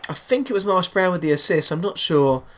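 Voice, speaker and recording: Excitable man commentating a football game. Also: fairly quick, slight background noise. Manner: excitable, shouts goals then drops to a low murmur. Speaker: gaming YouTuber. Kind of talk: live commentary over a football video game.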